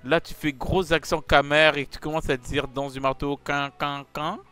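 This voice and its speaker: A man hosting a comedy chat, pleading and insistent, swinging from mumbles to shouts. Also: on the high side, level tone, normal speed, clear, resonant tone, soft background music. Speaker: YouTuber host.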